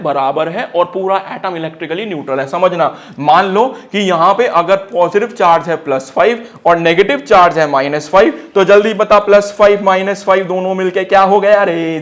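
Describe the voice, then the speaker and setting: High-voiced, playful male science teacher. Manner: playful, slangy, keeps quizzing the students and calls them brother. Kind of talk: energetic classroom lesson.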